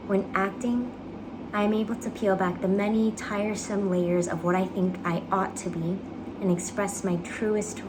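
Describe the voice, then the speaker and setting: Clear background noise surrounds a young woman with a fairly low voice. She reads a personal essay aloud as a dramatic piece. Her phrasing is earnest, measured and careful. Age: young adult. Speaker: actor reading own application essay. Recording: clearly noisy background ambience.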